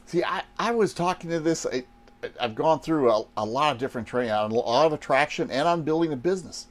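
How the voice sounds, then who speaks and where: Man in his sixties, slightly high voice, folksy coaching vlog, rhetorical questions, inside a small trailer. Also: lively intonation, brisk. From Wisconsin, United States. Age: 60s. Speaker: online business coach. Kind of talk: casual motivational vlog talk to camera.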